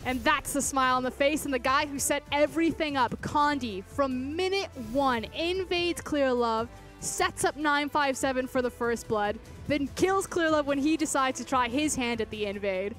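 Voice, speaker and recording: Female esports analyst, notably high voice, breaking down plays over faint music. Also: normal speed, few pauses, a bit bright. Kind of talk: analytical game commentary.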